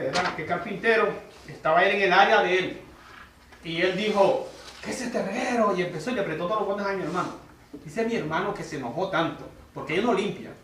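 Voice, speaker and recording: A man tells a personal story in a loose, conversational way, with a high-set voice. He sounds roomy and a little far from the mic, with faint background noise. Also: fairly bright tone. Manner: conversational storytelling, frequent "¿verdad?" tags. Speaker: church member sharing testimony. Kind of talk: personal testimony at Bible study. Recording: roomy church hall, distant mic.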